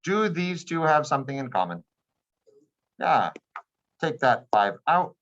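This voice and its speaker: In a slightly dull lo-fi recording, a male math teacher lectures with a voice that's a little high, fairly bright, and very animated, though a little slow. He explains things patiently and plainly, one step at a time. He frequently checks in with his students.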